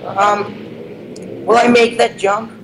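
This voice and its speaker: Over voice chat while gaming, a man who also edits the channel swaps sarcastic jabs and panics when his character gets into danger. His high-sitting voice is flat, very slow and fairly bright, and the poor recording has a little hiss or hum.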